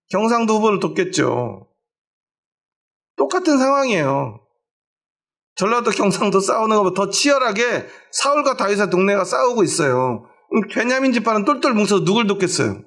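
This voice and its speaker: High-voiced, gravelly Korean pastor preaching. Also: male voice, fairly bright tone. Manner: asks the congregation questions and answers them himself; tells homely everyday stories to make his point. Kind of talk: sermon. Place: church.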